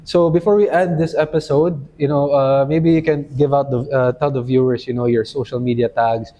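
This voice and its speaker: A man's voice: medium pitch, steady tone, brisk, dark tone. A man hosting a podcast in casual chat, talking loosely with lots of "you know" fillers. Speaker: podcast host. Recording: dull lo-fi sound.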